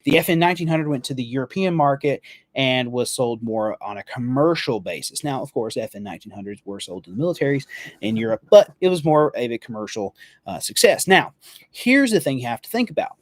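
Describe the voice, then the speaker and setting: A man's voice: medium pitch, expressive, brisk, dry recording. A man hosts a live firearms show in an easygoing, rambling manner, backing up to correct himself and letting mild swears slip. His voice sits in an ordinary middle register. The sound is close and dry, with no room around it. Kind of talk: casual live-stream history talk.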